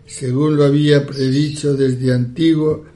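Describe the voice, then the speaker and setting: A man leading a liturgical prayer in a solemn, measured recitation. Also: mid-range voice, little pitch movement, dark tone, soft background music.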